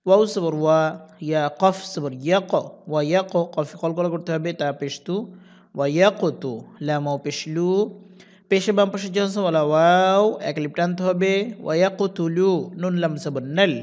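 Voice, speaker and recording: A man teaching Quran recitation, spelling out letters and vowel marks one by one and then chanting the verses slowly. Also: high-pitched, steady tone, a little mellow. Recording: dull lo-fi sound.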